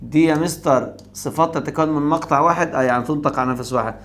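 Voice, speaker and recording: A man's voice: fairly high pitch, very fast, fairly bright tone. A man with an Egyptian Arabic accent teaching a recorded English grammar lesson. He explains step by step and answers his own rhetorical questions.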